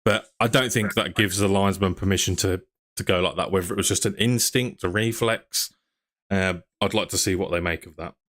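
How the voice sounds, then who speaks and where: Reading viewer comments aloud and tossing out questions, a young podcast host keeps his casual football show chatty. He has a low-pitched, steady, somewhat bright voice and talks fairly quickly.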